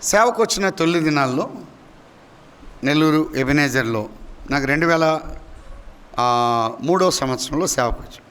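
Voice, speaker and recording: Man preaching, high voice, very lively pitch, bright, emphatic sermon with sharp rises and drops. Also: normal speed, pauses often, smooth. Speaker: pastor. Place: church.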